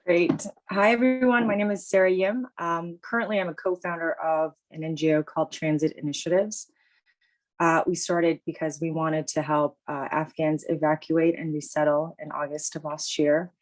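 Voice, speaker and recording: A woman's voice: low voice, steady tone, moderate pace, poor audio. A woman panelist on a video call, candid and conversational. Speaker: panelist, NGO co-founder. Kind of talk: panel discussion.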